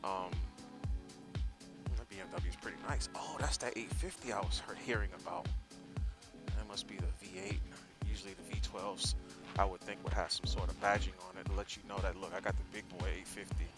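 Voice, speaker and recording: A man's voice: lowish voice, brisk, loud music behind the voice. An American man chatting casually from inside his motorcycle helmet as he rides, rambling and correcting himself in an easygoing way. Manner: talking from inside a motorcycle helmet while riding. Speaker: motorcycle vlogger. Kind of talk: casual rambling ride-along chat.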